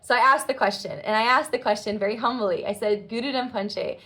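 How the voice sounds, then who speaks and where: A woman's voice: a little high, fast talker, bright, forceful tone. Earnest, heartfelt young woman storyteller. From United States. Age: 20s. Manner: earnest, heartfelt, reflective, acts out quoted dialogue. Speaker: vlogger. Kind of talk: personal storytelling monologue.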